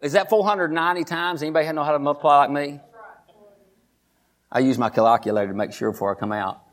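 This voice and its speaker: A man preaching a sermon. He repeats phrases for emphasis, calls the congregation honey and rises in pitch as he drives each point home. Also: fast talker.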